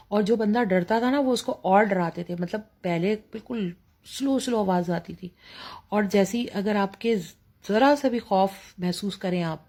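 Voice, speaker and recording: A woman's voice: mid-range voice, a little mellow. A middle-aged woman with a Pakistani Urdu accent telling a personal ghost story casually, with many fillers, acting out her mother's words.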